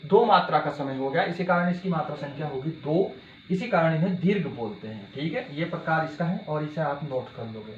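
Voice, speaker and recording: A male teacher giving an exam-prep grammar lesson, asking his students questions and repeating key words slowly. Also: fairly high pitch, animated. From India. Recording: dull, echoey room with faint hiss.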